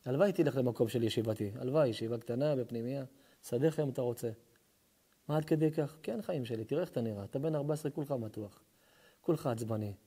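A man giving a fervent Hebrew sermon as a rabbi, moving between forceful exhortation and soft, intimate storytelling. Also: medium pitch, slightly rough. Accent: Israeli Hebrew. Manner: impassioned, rising to near-shouts at the opening, then hushed and intimate. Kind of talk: sermon to a live audience.

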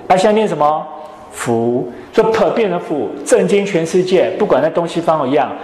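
A male English teacher, lecturing a classroom and quizzing students with quick questions. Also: fairly high pitch, animated, darkish tone. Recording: echoey classroom.

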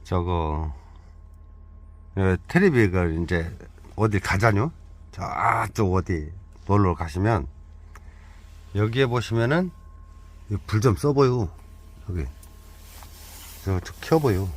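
A man's voice: low-pitched, lively intonation, slow, long pauses. A man giving a joking, chatty hands-on walkthrough of a camper van, counting steps aloud as he goes. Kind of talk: casual hands-on product walkthrough.

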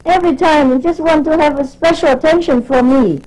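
High-voiced woman scolding her disciples. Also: moderate pace, a little mellow, rough recording. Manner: scolding, repeats words while searching, rhetorical questions. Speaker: spiritual teacher addressing disciples. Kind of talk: informal spoken sermon.

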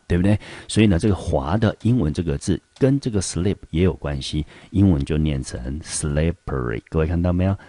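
A man with a Taiwanese Mandarin accent teaching a recorded English vocabulary lesson to high school students, explaining patiently and talking to them directly. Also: mellow, no room sound. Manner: explanatory, addresses students directly, frequent "好" and "呢" fillers.

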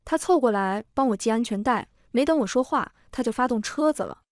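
A woman reads a first-person story aloud in a steady, even way. Her voice is fairly high. The recording is dry and close, with no room sound. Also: brisk, no echo.

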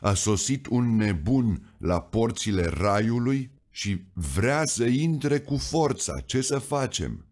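A man's voice: medium pitch, very animated, hardly any pauses, darkish tone, voice pushed up. A man voicing a group of frightened angels who speak nervously and apologetically. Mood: fearful.

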